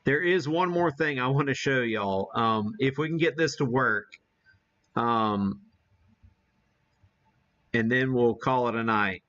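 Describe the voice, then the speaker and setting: An American man with an average-pitched, slightly bright voice demonstrates amateur radio on a live stream, chatting casually while he operates. His delivery is unhurried and folksy, and he thinks aloud as he works. The audio sounds a little muffled and lo-fi.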